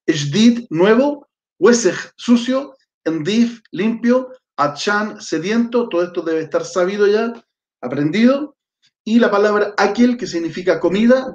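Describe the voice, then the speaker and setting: A high-pitched man gives a patient language lesson, spelling out letters one by one and pausing to check his students follow. The sound is dull and lo-fi, with a noticeable echo from the room. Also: a little mellow. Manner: slow, patient spelling out of letters and words, frequent checking "¿cierto?". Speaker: Arabic teacher. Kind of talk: live online language lesson.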